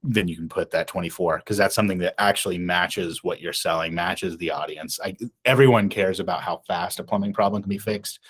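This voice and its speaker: A man with a fairly low voice talks through ad design on a casual podcast. He wanders, restarts his sentences and fills gaps with ums. Now and then he laughs at himself. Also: fairly quick, hardly any pauses, fairly bright tone, husky. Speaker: podcast co-host. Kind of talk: casual podcast chat about advertising.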